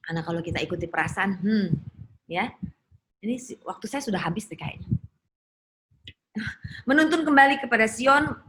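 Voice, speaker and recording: A middle-aged woman from Indonesia giving an animated personal testimony at a women's church gathering, with quick restarts and fillers, over a video call. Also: mid-range voice.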